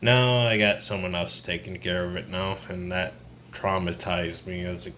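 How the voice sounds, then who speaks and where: Burned out guy in his 20s, really low voice but forceful edge, rambling casual vlog. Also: fairly even intonation, normal speed. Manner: downcast, burned-out, confiding. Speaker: vlogger. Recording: noisy ambient background.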